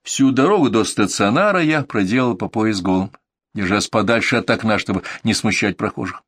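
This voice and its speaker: A man's voice: on the low side, a little fast, a bit bright, no echo. A man narrating a story in a dry, ironic, matter-of-fact way. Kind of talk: audiobook narration.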